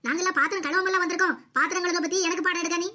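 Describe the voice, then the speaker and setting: A woman's voice: very high-pitched, fairly even intonation, very fast. A woman voicing a bossy, scolding mother-in-law in a cartoon comedy. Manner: nagging, scolding, sharp-tongued.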